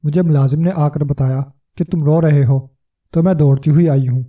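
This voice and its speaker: A man's voice: on the high side, fairly even intonation, mellow, distant mic, close to an everyday voice. A man voicing a huge, domineering wife who snarls and bosses her husband, in a storybook reading. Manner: bossy and snarling.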